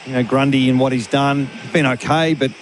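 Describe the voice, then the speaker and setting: A man with a medium-pitched voice gives conversational match analysis. He repeats words as he works out his point, over faint ambient noise. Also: steady tone, a little fast, poor audio. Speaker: sports analyst.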